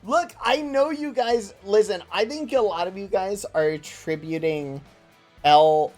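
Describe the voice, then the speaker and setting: A livestreamer chatting casually with viewers, with an excitable, gushing way of greeting people. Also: mid-range voice, measured pace, soft background music.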